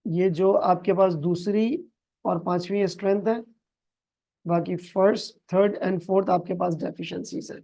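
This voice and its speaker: Male accounting tutor with a Pakistani accent and a mellow voice. He reads case text word by word and coaxes the class along. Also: high voice, flat delivery, creaky. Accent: Pakistani Urdu. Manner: explains slowly in Hindi-Urdu with English terms, calls students "beta"; reads English passages very slowly and deliberately. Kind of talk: recorded video lecture.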